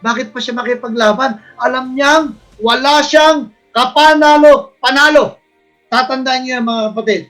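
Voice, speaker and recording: A male Filipino preacher giving a sermon, mixing Filipino and English, reading verses slowly and often turning to the congregation with a questioning "ha?". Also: very high-pitched, fairly bright tone, soft background music, poor audio. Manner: mixes Filipino and English, repeats "ha?" and "mga kapatid" to the congregation; reads verses slowly and stresses words.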